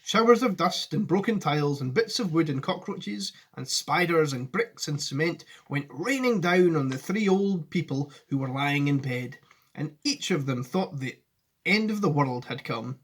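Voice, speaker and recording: This man in his forties has a fairly high, slightly rough voice with lively intonation and a normal speed. A teacher, he reads a children's story expressively and chats amiably with his pupils from home. The living-room recording is made with a device camera about an arm's length away.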